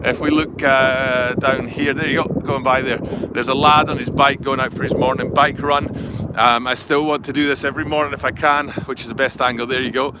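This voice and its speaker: A Scottish man is filming a live vlog outdoors beside a river and a highway in a city. His voice is medium-pitched with little pitch movement, and he talks a little fast, rambling and chatty, often correcting himself. Traffic and city ambience sit in the background, with faint street noise on the recording.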